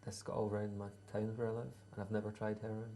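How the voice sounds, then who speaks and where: There's a faint hiss or hum behind this Scottish man in his thirties, a musician guest offering relaxed interview replies. He talks in a low, flat, rasping voice with a dark, mellow quality, pausing hesitantly, saying um a lot, and keeping his humour dry.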